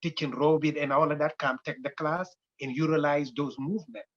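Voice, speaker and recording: Husky Senegalese man in his sixties. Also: fairly high pitch, steady tone. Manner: unhurried, halting, with many fillers and loose grammar. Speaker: dance company founder and director. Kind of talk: personal interview storytelling. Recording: dull lo-fi recording.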